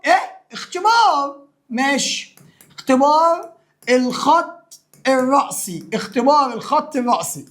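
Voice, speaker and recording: A man with an Egyptian accent teaching a math lesson to secondary students. He is animated and teasing, speaks straight to the student, and makes sound effects as he draws. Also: very high-pitched. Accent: Egyptian Arabic.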